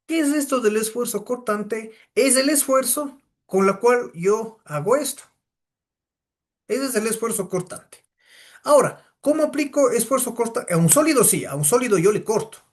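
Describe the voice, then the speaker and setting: A man's voice: very high voice, expressive, a little slow, pauses often. Male teacher, classroom lecture, keeps asking the class questions. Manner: asks the class many rhetorical questions. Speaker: physics teacher.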